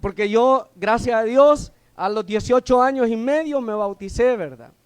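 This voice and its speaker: A Salvadoran deacon preaches in a very high male voice. He peppers the congregation with questions and waits for their answers. His voice is recorded close and dry, with almost no room sound. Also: normal speed, clear, resonant tone, no room sound. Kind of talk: sermon.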